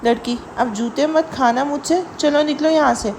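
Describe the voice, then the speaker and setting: A woman's voice: high voice, a little mellow, a little hiss or hum. A woman voicing a strict, exasperated mother who scolds her daughter. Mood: scolding. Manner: stern and scolding.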